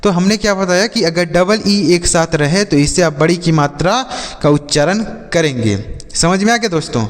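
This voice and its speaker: A man's voice: high-pitched, animated, moderate pace, long reverb tail. A man teaching English pronunciation, spelling words out letter by letter and asking then answering his own questions.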